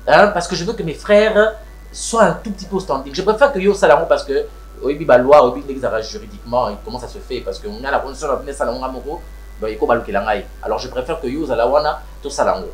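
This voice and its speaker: A man's voice: medium pitch, quick pace, natural voice. An actor with a Congolese French accent playing a wealthy man who looks after his siblings, switching between French and Lingala. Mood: firm, explaining. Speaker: wealthy family head. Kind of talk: Congolese TV series acting. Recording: roomy room with background music.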